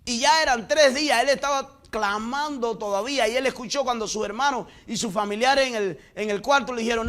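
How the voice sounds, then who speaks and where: Male pastor, middle-aged, high-pitched; dramatic sermon delivery with a testimony, loud peaks and quiet drops. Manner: dramatic preaching, swinging between loud exclamations and hushed lows; storytelling with personal testimony. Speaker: pastor and missionary.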